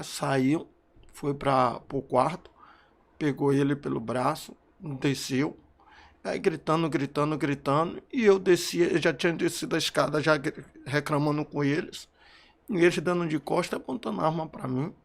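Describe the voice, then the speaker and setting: A man, a grieving father, telling what happened in halting, repeated phrases while emotional. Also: fairly high pitch, creaky. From Brazil. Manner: halting, repeating phrases, voice rising when recalling shouts. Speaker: bereaved father interviewed. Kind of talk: emotional testimony.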